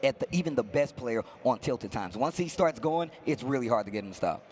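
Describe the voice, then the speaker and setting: A man's voice: medium pitch, lively intonation, brisk, darkish tone, slight background noise. A man commentating on a fighting game tournament with casual, slangy analysis of the play. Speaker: esports commentator. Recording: music playing behind the voice.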